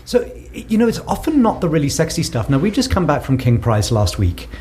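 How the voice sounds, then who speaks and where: Thoughtful and prone to repeating words as he develops an idea, this South African guest researcher answers questions in a conversational podcast interview. His voice is a little high and a little mellow, with big pitch swings and a fairly quick pace. A little hiss or hum is audible.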